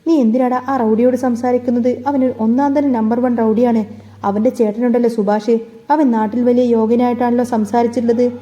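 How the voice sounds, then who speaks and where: A woman's voice: fairly high pitch, little pitch movement, brisk, muffled recording, close to an everyday voice. A woman voicing an enraged scolding mother. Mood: furious. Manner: shouting, scornful. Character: furious middle-aged mother cursing over phone.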